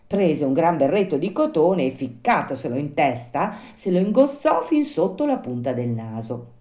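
Expressive woman reading a storybook. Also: deep voice, moderate pace. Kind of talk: reading a children's classic aloud.

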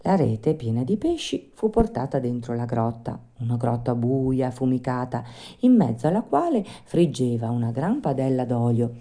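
A woman's voice: extremely low pitch, very animated, normal speed, warm tone. A woman reading a classic storybook aloud, with dramatic, swelling rises on the vivid moments.

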